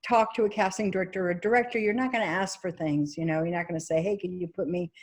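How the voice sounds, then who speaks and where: Animated casting director woman, New York accent. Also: lowish voice, fast. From Egypt. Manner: animated, laughs often, quotes herself. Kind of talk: casual interview chat.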